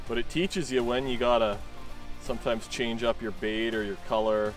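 A man's voice: medium pitch, moderate pace. Laid-back male angler, thirties, talking through his fishing on a lake, clip mic, faint music underneath. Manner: relaxed, chatty, lots of fillers and restarts. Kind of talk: casual fishing commentary. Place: small boat on a lake, outdoors.

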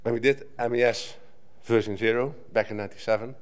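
A man's voice: mid-range voice, steady tone, fast talker, clear, resonant tone. A middle-aged man from the Netherlands, a native Dutch speaker, giving a conversational conference talk at a lectern, with frequent restarts. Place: conference hall stage at a lectern. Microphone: lectern microphone.

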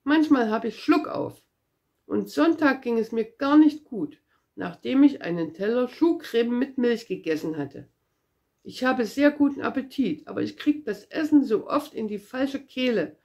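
A woman's voice: on the high side, lively intonation, measured pace, darkish tone. A woman voicing a cheeky, boastful little red-haired girl in a read-aloud storybook, chatty and eager.

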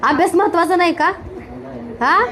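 A woman's voice: very high-pitched, normal speed. A woman, a video creator, chatting with visitors who came to meet her, teasing and reassuring them and repeating her questions. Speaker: video creator meeting viewers. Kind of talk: casual chat with visitors. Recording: crowd chatter behind the voice.

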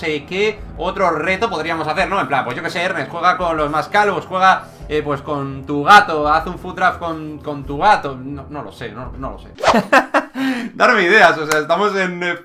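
Excitable young gaming commentator. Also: male voice, fairly high pitch. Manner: excitable, jokey, rapid shifts between shouts and mutters. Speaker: gaming YouTuber. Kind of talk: energetic gameplay commentary.

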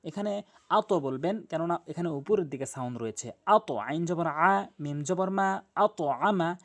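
A man from Bangladesh teaching Quran pronunciation, patiently repeating syllables slowly and drilling each sound. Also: a little high. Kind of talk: spoken tajweed lesson.

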